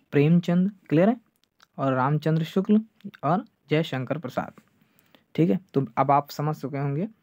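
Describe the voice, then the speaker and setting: A male teacher giving an online exam-prep lecture, checking "clear?" over and over and slowing down to drill names. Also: fairly high pitch, dark tone, dry recording. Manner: repeats "ठीक है" and "clear है" often, drills names slowly. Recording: dull lo-fi dry sound.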